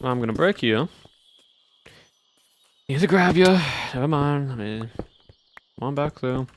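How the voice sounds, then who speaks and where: On a game stream, a man chats casually in a fake American Southern accent, his lazy drawl stretching out the ends of his sentences. His voice is mid-range and animated, and he takes his time.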